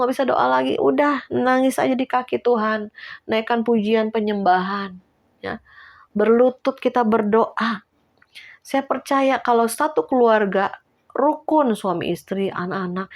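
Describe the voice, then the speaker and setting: Older woman preaching, earnest and folksy. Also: on the high side. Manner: earnest and exhortative, folksy asides, chuckles often. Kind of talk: sermon.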